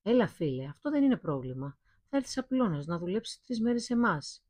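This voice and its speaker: A woman's voice: medium pitch, big pitch swings, darkish tone, no echo. A woman voicing a friendly male bathhouse worker who reassures his old friend.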